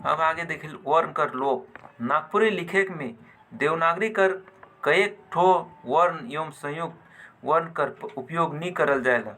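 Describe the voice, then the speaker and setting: A man teaching a grammar lesson, deliberately repeating example words in pairs. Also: a little high, sharp tone, a little hiss or hum.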